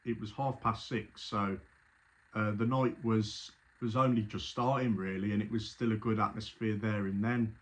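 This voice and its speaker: Fan testimony: man, lower voice, casual and rambling. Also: steady tone, moderate pace. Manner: chatty, rambling, with frequent restarts. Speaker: football fan telling his story. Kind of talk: casual spoken recollection.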